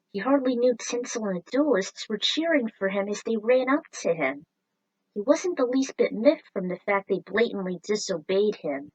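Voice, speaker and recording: A woman's voice: a little high, no echo, far from the mic, low-quality recording. A woman reading her own fan fiction aloud, breaking off for enthusiastic, chatty asides. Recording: dry voice set back from the mic.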